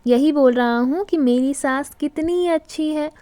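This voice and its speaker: A woman's voice: high-pitched, unhurried, mellow, no echo. A woman doing a cheeky joking son-in-law. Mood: cheeky banter. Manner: cheeky, bantering. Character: teasing middle-aged son-in-law, playful joker.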